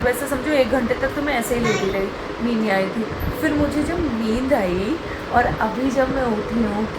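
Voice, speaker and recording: A woman's voice: on the high side, heavy background noise. A young woman talking casually through a home vlog, chatty and rambling as she explains her day. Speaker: vlogger.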